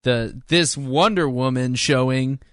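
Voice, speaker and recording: A man co-hosting a podcast in casual chat, throwing in deadpan, sarcastic quips. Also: medium pitch, slow, smooth, no echo, clean studio sound. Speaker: podcast co-host.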